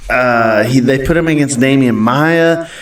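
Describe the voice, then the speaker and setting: A man's voice: mid-range voice, measured pace, distant mic. A man co-hosting a podcast, giving opinionated fight picks in casual chat with frequent fillers. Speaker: podcast co-host. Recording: echoey room, off mic.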